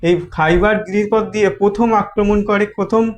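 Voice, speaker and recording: A man's voice: high voice, fairly even intonation. A man with a Bengali accent teaching a history lesson, asking questions and answering them himself, with many repeats and restarts. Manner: halting, restarts phrases.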